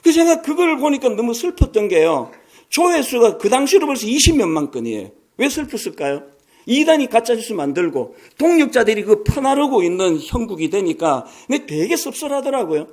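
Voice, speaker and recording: A male pastor in his sixties preaching a sermon in an animated, storytelling way with humorous asides. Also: very high voice, fairly quick. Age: 60s.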